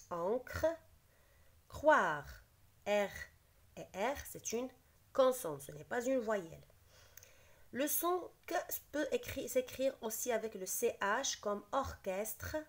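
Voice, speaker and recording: Woman, schoolteacher, slow and deliberate, repeats every word for the class. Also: a little high. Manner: explains patiently, repeats each word, switches briefly into Arabic. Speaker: teacher. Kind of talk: slow spelling lesson, reading words aloud.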